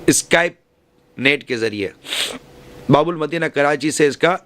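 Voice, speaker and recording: A man's voice: a little high, a bit bright. Earnest man giving a religious talk. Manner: earnest, advising, repeats and rephrases points. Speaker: preacher addressing women's gathering. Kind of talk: religious speech.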